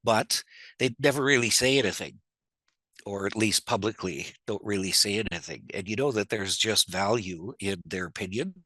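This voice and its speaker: A man's voice: fairly low pitch, sharp tone, breathy edge, no echo, low-quality recording. Congested man presenting an online seminar. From Northern Ontario, Canada. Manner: conversational, digressive, self-deprecating asides. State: stuffed up, congested. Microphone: video call.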